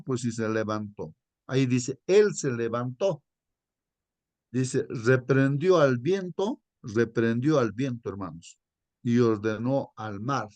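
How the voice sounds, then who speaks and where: A man leading a Bible study for his congregation in a conversational way, repeatedly addressing them as brothers and reading verses slowly and deliberately. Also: medium pitch, darkish tone, no echo. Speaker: Sabbath school lesson leader.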